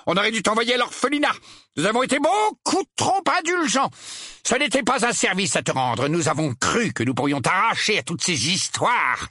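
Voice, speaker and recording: A man voicing a blustering, furious middle-aged uncle who bellows in a shrill, husky voice in an audiobook. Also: pushed and bright, no echo, clean studio sound, heavily acted. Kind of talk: audiobook character voice.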